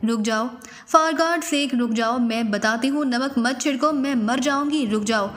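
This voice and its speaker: A captive woman spy, wounded and fearful, as the woman narrator plays her speaks in a high voice. A long hall reverb trails each line of this spy audiobook. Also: unhurried, close to an everyday voice. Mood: pleading. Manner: pleading, fearful.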